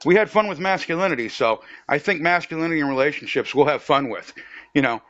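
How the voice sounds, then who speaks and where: A man's voice: fairly high pitch, lively intonation, fast talker, a bit bright, no room sound. A man hosting a podcast, chatting casually and thoughtfully, with frequent fillers and restarts. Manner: easygoing, reflective, many fillers and restarts. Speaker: podcast host. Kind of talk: casual conversation. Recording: dull lo-fi dry sound.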